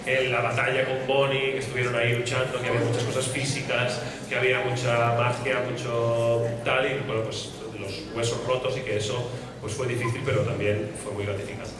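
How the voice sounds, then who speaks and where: A man's voice: medium pitch, little pitch movement, fast, hardly any pauses, a crowd in the background. A man interpreting at a live panel in a loose, informal paraphrase. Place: indoor panel hall. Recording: echoey hall from far off, audience noise.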